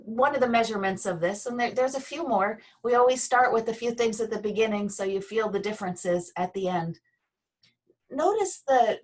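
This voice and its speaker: A woman with a fairly high voice leads a movement class over a video call. She speaks in a gentle, unhurried way with pauses. She sits a little back from her mic. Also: distant mic. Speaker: Feldenkrais teacher.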